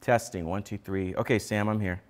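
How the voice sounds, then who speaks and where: A man's voice: fairly low pitch, fairly even intonation, normal speed. Man casually running a mic check. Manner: repeats test counts, talks to the crew. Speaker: live streamer running a sound check.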